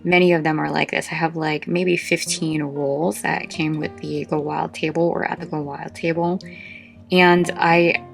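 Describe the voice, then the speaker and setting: Low, slightly breathless, creaky-voiced woman. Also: flat delivery, a little slow, soft background music. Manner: chatty and informal, meandering with asides. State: short of breath. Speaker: vlog host. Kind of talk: casual chat showing a craft collection.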